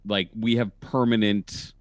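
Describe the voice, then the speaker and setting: Speaking a little slowly with no echo, a comedian and comedy label engineer chats over video from his college-town home for a casual podcast. He's animated, and his voice jumps in pitch each time he quotes someone in a story.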